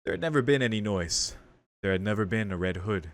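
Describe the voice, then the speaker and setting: This streamer's lowish voice is animated and fairly quick as he works through a visual novel. He reads its lines aloud dramatically and responds in slangy, casual speech, with game music in the background.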